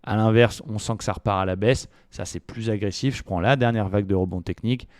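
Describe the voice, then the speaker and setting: Low-voiced man talking trading, casual. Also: quick pace, dry recording, clean studio sound. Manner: relaxed, chatty, frequent fillers, slangy asides. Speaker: trading educator. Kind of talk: casual market analysis video.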